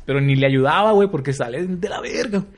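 A man's voice: fairly high pitch, fast. A young man with a Mexican accent, co-hosting a podcast in casual chat. He is full of slang, laughs often and acts out what people said. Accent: Mexican Spanish. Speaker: podcast co-host.

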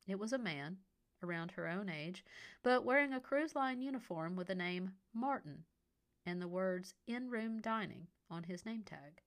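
A woman reading a short story aloud in a measured, expressive scripted narration. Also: lowish voice.

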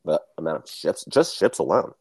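Low-voiced man chatting, animated pitch. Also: normal speed, husky, dry recording, studio quality. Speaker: podcast co-host. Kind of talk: casual chat.

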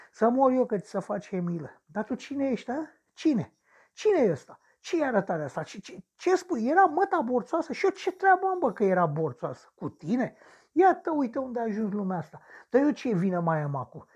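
A man's voice: high voice, vocal fry, darkish tone, slightly rough, highs cut off, full character voice. A man acting a coarse, boastful male serial killer in a radio drama monologue, ranting and sneering at the victims who haunt him.

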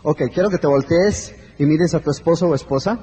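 A man with a fairly high voice delivers a live motivational talk, emphatic and repetitive. He speaks straight to his audience. A long hall reverb trails behind his words. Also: fairly quick, warm tone.

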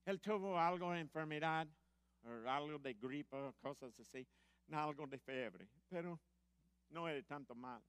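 A middle-aged man preaching in a halting, Spanish, animatedly telling a personal testimony. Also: on the high side, clean tone, dry recording. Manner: animated, acts out quoted voices, halting grammar.

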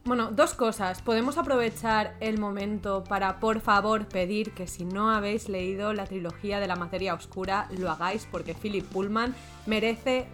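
A woman's voice: medium pitch, moderate pace, a bit bright. A woman joins the chat with enthusiasm and a teasing edge. Her voice sits in a middle range. Faint music plays behind her. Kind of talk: casual chat.

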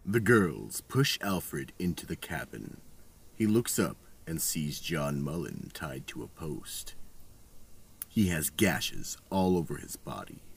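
A man hosting and narrating scripted horror as a theatrical, sinister horror host, with a gravelly, husky voice and drawn-out delivery. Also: extremely low pitch, sing-song, a little hiss or hum. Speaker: host and narrator of a horror audio drama series.

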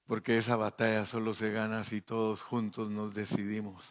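A man's voice: on the low side, completely flat delivery, normal speed. A man preaching a fervent sermon in church, calling listeners brother and leading them into prayer. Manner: impassioned, addresses listeners as brother. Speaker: pastor.

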